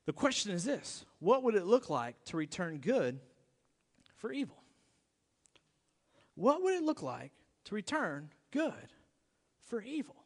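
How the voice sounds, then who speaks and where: Male pastor mid-sermon, animated and self-mocking, pitched high, recorded in a reverberant hall. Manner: animated storytelling, acts out his own outbursts.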